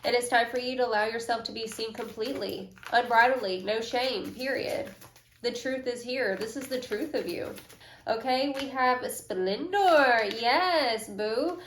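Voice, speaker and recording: A woman's voice: on the high side, unhurried, fairly bright tone, reverberant, slight background noise. A young woman giving a casual, slangy, affirming tarot reading to her viewers. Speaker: tarot reader.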